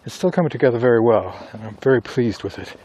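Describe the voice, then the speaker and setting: A middle-aged man talking casually to himself in an unhurried, musing monologue, pausing as he walks outdoors. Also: medium pitch, animated, mellow, poor audio. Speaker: writer recording an audio journal. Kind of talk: casual solo monologue while walking outdoors. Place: outdoors in falling snow, on a walk. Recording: outdoor ambient noise while walking.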